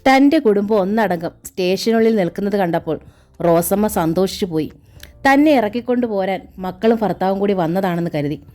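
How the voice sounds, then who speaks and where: A woman reading a novel aloud as narrator in a steady, even storytelling manner. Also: mid-range voice, brisk.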